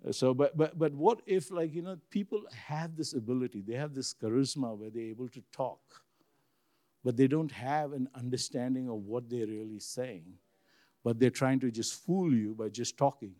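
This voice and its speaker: In a church room with a congregation, a man with a deep, bassy, warm voice preaches an informal sermon at normal speed. He talks conversationally, repeats himself, and poses questions to his listeners, with no room sound on the recording.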